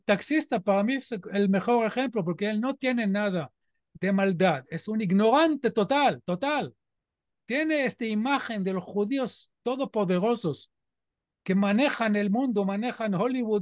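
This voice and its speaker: A man's voice: high-pitched, dry recording, clean studio sound. A middle-aged man with an Israeli accent who speaks earnestly and emphatically as a guest speaker. He keeps checking in with his listeners through rhetorical questions. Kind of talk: informal talk to a community audience.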